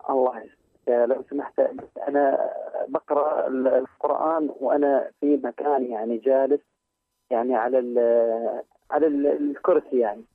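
A man's voice: medium pitch, steady tone, normal speed, no echo. A man calling in with a question, speaking hesitantly with many fillers and devout greetings. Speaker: caller. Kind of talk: phone-in question. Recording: tinny telephone line.

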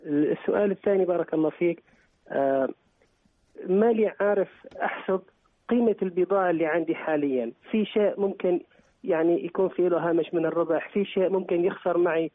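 A man's voice: high-pitched, fast talker, no room sound. A man calling in to a radio show who asks his questions politely and with formal courtesy. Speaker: caller. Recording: dry, tinny phone line.

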